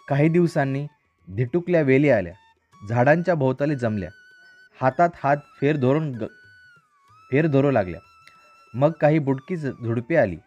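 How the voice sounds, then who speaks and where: A man reading a children's story aloud in a calm, rhythmic storyteller manner. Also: mid-range voice. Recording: dry, slightly dull recording.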